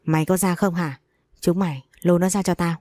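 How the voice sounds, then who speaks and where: A woman's voice: lowish voice, steady tone, fairly quick, a little mellow, dry recording, studio quality, natural voice. A woman voicing a furious, betrayed wife who curses and scolds harshly.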